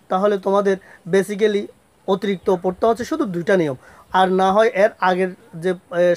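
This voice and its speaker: A man's voice: high voice, dry recording. Male teacher, patient step-by-step pronunciation lesson, repeats and quizzes himself. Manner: slow, repetitive, asks and answers own questions; spells out letters one by one. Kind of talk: spoken grammar lesson.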